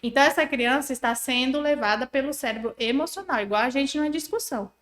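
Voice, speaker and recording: Animated woman explaining in an echoey room. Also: high voice, fast. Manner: didactic, animated, acts out examples. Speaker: parenting educator, podcast guest. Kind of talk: explanatory podcast conversation.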